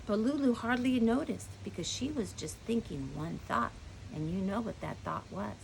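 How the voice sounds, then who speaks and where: A woman's voice: medium pitch, lively intonation, normal speed, creaky, a little hiss or hum. A woman reading a children's story aloud, playful, stretching dramatic words and asking the listener questions.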